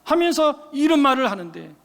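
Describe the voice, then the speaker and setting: A man's voice: very high voice, very animated, a little fast, vocal fry, fairly bright tone, in a large hall. A male pastor preaching a storytelling sermon, asking the congregation questions and answering them himself. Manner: storytelling sermon, acting out quoted voices. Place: church sanctuary.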